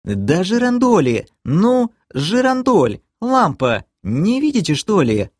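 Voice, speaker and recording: A man voicing a pushy, excitable young woman in an audiobook, indignant and breathless. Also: fairly high pitch, takes it slowly, no room sound, clean studio sound, pitched above the performer's own voice, full character voice.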